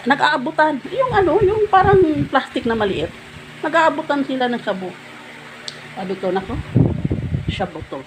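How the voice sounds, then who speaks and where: A woman's voice: high-pitched, sing-song, moderate pace, pauses often. Chatty woman telling a story over noise. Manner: chatty, addresses viewers as guys, many fillers like ano. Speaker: vlogger telling a personal story. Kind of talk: casual storytelling to viewers. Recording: noisy background.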